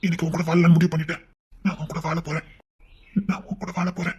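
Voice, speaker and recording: A man voicing a possessive, lovesick young husband in an audio romance drama, talking in an insistent, commanding way that turns low and tender. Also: completely flat delivery, quick pace, a little mellow, slightly rough.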